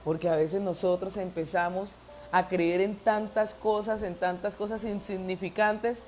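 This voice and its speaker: A woman pastor preaching a sermon in church, emphatic with soft asides. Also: mid-range voice, fairly even intonation, unhurried, slight background noise.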